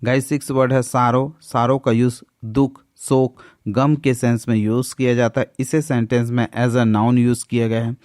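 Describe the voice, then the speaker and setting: Indian man teaching English vocabulary, slow and deliberate, flat delivery, dry close sound. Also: medium pitch, no echo. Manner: slow, deliberate reading pace. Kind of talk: scripted vocabulary lesson.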